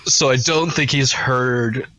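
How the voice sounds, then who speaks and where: A man's voice: medium pitch, takes it slowly, sharp tone, rough recording. A man playing a tabletop game, easygoing and laughing as he describes his character. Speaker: player. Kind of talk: casual tabletop game play.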